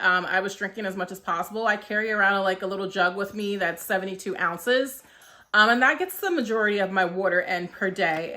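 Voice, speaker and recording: A woman's voice: mid-range voice, pushed and bright. A woman in her thirties chatting casually to camera as a vlogger, a little short of breath, with frequent "um" and "like" fillers. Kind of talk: casual vlog talk to camera.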